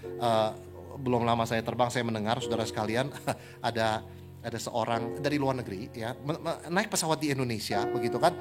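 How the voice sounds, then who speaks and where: A man preaching a sermon in an animated way, asking the congregation rhetorical questions. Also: mid-range voice, fairly quick, music in the background. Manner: animated, rhetorical questions, mixes in English phrases. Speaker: pastor.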